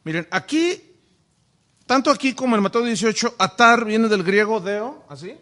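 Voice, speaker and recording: A man's voice: high-pitched, animated, moderate pace, fairly bright tone. A man, a preacher giving sermon-style Bible teaching and asking the audience many rhetorical questions.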